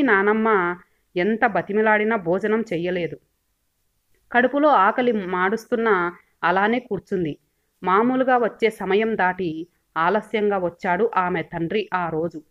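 A woman narrates a story in a steady, expressive reading voice. Her pitch sits in the middle range. The recording is dull and lo-fi. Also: unhurried. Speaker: audiobook narrator.

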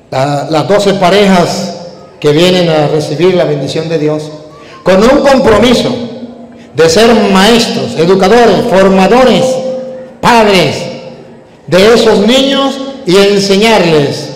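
A priest giving a wedding-mass sermon, emphatic and full of rhetorical questions. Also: male voice, high voice. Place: church during a wedding mass. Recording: echoey church hall.

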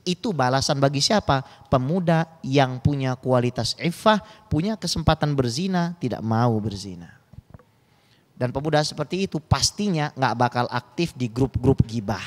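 A man preaching a sermon with stories, in an animated way, jumping between loud and soft with humorous asides, in a mosque hall with long reverb. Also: mid-range voice, moderate pace. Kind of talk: sermon with storytelling.

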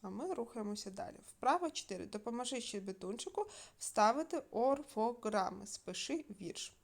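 A woman teaching primary school children in a recorded video lesson, reading out words slowly and clearly, with small fillers between steps. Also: on the high side, expressive. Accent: Ukrainian. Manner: slow, clear dictation with fillers.

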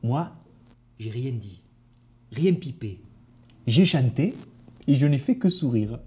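Brief: male stage actor, southern French accent, lively monologue, warm mellow tone. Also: mid-range voice, slow, breathy edge. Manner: vivid, animated storytelling. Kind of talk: theatre monologue.

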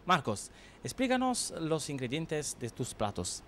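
A man's voice: on the high side, huge pitch swings, a bit bright, slight background noise. Young Italian-born male field reporter. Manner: brisk, hands the talk back and forth. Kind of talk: on-location TV reporting. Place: restaurant kitchen, indoors. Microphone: handheld mic.

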